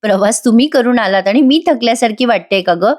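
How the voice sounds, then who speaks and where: A suspicious young wife who keeps pressing with hurt questions, read out by a woman. The voice is fairly high and stays close to the reader's own. She sounds like a wife from a retold TV family serial. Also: a little fast, a little mellow, lightly acted. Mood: confiding. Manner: questioning, accusing.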